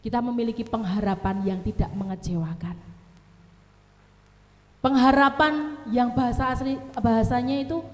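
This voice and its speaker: A woman with a Javanese accent preaching a sermon in a church, animated and mixing in Javanese asides and laughter. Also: high-pitched. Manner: animated, mixing in Javanese asides and acted family quotes, laughing at her own stories. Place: church hall. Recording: echoey church hall with long reverb.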